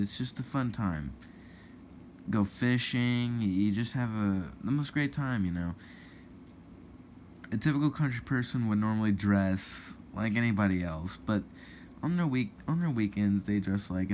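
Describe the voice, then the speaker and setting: A man's voice: lowish voice, a little mellow. Young man ranting, lo-fi recording. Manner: rambling and indignant, many restarts. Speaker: vlogger. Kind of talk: casual opinion rant to camera. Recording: dull lo-fi with faint noise.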